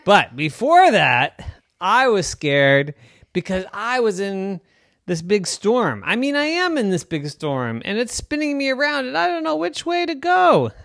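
A man voicing a scared, confused little girl in a bedtime story, with a high, squeaky, flustered voice. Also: very animated, a little slow, vocal fry, a bit bright, no echo, clean studio sound, heavily acted.

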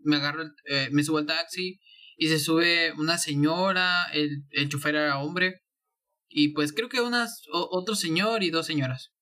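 Bright, animated young man telling stories. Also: on the high side. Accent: Tabasco Spanish. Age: young adult. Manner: animated, slangy, quick bursts. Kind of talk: casual storytelling chat.

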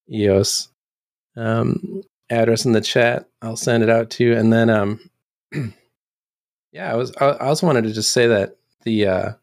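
A man presenting on a community show in a casual, halting way, often restarting and clearing his throat. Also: lowish voice, dry recording, clean studio sound. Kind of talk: casual chat.

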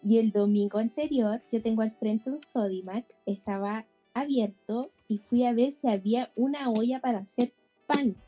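Woman, Chilean accent, slightly high, mellow tone, chatty storyteller, faint music behind. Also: moderate pace. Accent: Chilean Spanish. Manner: chatty storyteller, laughs often. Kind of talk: casual chat.

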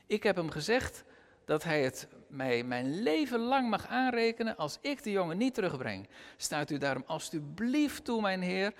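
A man preaching a sermon after a Bible reading, with an expressive delivery and a gravelly voice. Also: big-room sound. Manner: expressive, with wide pitch swings.

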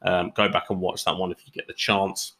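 Chatty man with a low voice. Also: flat delivery, a little fast, fairly bright tone. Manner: chatty and opinionated, with frequent ums and uhs. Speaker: podcast host. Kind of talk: casual combat sports podcast commentary.

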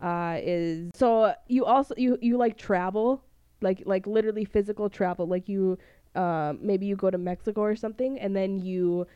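Casual female co-host, filler-heavy chatter, smooth voice, dry close sound. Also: mid-range voice, fairly even intonation, normal speed, no room sound, lo-fi sound. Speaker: podcast co-host quizzing others. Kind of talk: casual chat.

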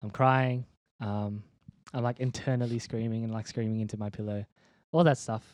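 A man's voice: on the low side, fairly even intonation, moderate pace, darkish tone, dry recording. A young man giving a personal faith testimony in an interview, laid-back and slangy, with many ums and restarts. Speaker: interview guest, church leader.

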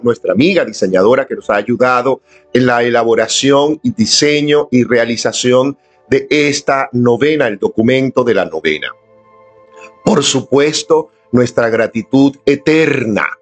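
Slow, earnest man leading a prayer. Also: medium pitch. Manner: earnest, inviting, addresses viewers directly. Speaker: prayer leader. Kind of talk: live-streamed devotional talk. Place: indoors at home, filming on a camera.

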